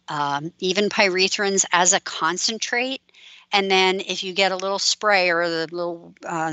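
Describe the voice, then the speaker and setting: A woman's voice: lowish voice, sharp tone, no room sound, muffled recording. A woman extension educator answering audience questions in a practical, plain-spoken way.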